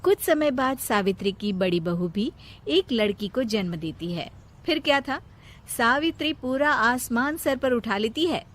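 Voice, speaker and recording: A woman narrating a children's moral story in an even storytelling manner. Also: on the high side, measured pace.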